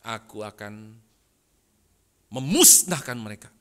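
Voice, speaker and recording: A pastor with an Indonesian accent preaches a sermon in a lowish, sing-song, slow voice. He swings from loud bursts to soft asides and often speaks directly to the congregation.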